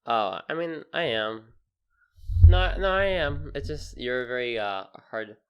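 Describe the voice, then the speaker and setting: A man's voice: medium pitch, animated, measured pace, smooth. A young man co-hosting a casual podcast chat, speaking hesitantly and laughing often. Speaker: podcast co-host.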